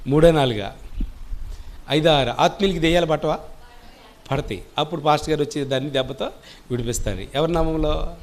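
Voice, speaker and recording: A pastor preaching, quizzing the congregation. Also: male voice, on the high side. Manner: call-and-response, asking the congregation questions and answering himself. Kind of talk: sermon. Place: church service.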